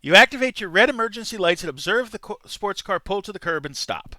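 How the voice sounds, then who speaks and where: A man's voice: sits high, lively intonation, fast talker, pushed and bright, no room sound. A man playing a video game, reading its text aloud and adding casual muttered asides. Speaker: gameplay commentator.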